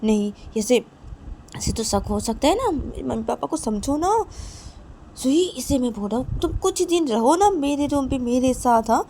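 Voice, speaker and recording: A woman's voice: high-pitched, animated, moderate pace, warm tone, a little hiss or hum. A woman voicing a young woman in love who keeps pleading and repeating herself to win her partner over. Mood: persuading. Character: pleading young woman lover, anxious and insistent. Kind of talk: amateur story narration with voices.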